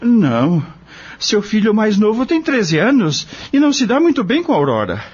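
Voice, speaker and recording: In this dull lo-fi audio drama, a Brazilian-accented man voices a dismissed farmhand, a humble rural father full of worry. His high, darkish, slightly rough voice swoops wildly in pitch and sounds exaggerated, though his pace stays normal. He talks in plain, colloquial, plaintive phrases with a confiding mood.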